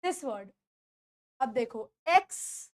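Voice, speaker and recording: A woman's voice: sits high, animated, drawn-out words. A woman whose first language is Hindi, teaching English pronunciation in a classroom style, repeating words and asking her pupils questions.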